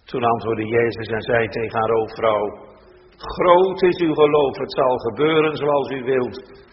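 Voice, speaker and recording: A man reads scripture from the pulpit in a slow, weighty cadence. His emphasis climbs on key phrases, and his voice rings through a long church reverb. The recording is dull and slightly muffled, with faint background noise. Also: mid-range voice. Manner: slow, solemn reading with rising emphasis. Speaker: pastor. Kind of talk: scripture reading in a church service.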